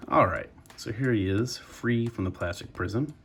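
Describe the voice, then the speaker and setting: Reviewing a toy, a young man chats casually at a moderate pace in a fairly low voice, with slight background noise. He sounds stuffed up and mouth-breathes, addressing viewers as "guys" in an easygoing way.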